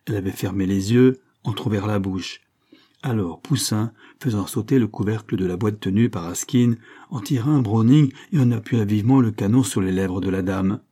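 Husky, dark-voiced male narrator. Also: fairly low pitch, moderate pace. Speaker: audiobook narrator. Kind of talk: scripted narration.

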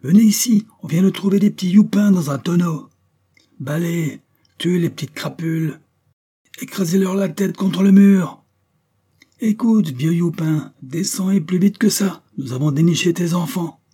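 A man reading an audiobook voices a savage man in a rioting mob, shouting his threats high and loud. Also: a little slow, slightly rough. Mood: savage bellowing. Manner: bellowing, savage.

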